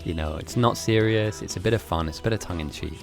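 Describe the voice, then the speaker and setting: He's a man with an English accent who grew up in Germany and Italy speaking German and Italian, and his low voice comes out fast with vocal fry. While streaming a game, he reads messages from viewers and chats in a rambling way, laughing often. Music plays faintly behind him.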